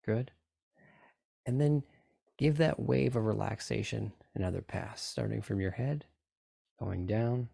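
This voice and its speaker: A low-voiced man with a noticeable creak leads a guided relaxation session. He coaxes listeners through repetitive, step-by-step instructions and checks in with brief questions. The sound is dry and free of room echo. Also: a little slow, pauses often, warm tone. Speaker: group session leader guiding tapping and relaxation.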